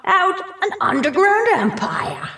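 A woman's voice: very high-pitched, huge pitch swings, takes it slowly, sharp tone, heavily acted. A woman playing a megalomaniac underground supervillain in a hammy amateur radio play, grandiose, gloating and theatrical. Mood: boastful. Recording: roomy echo, distant from mic.

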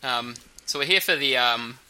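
Bright-voiced man hosting from a back room. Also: medium pitch, moderate pace, smooth, low-quality recording. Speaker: podcast host. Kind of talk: casual podcast hosting. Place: back room of a bar, recorded live.

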